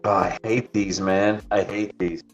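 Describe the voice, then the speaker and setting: A man with a low voice chats casually on a stream, rambling through profane stories and laughing often. The audio is dull and lo-fi, with faint music playing behind him. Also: fairly even intonation, measured pace. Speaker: streamer, delivery driver. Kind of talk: casual chat, storytelling.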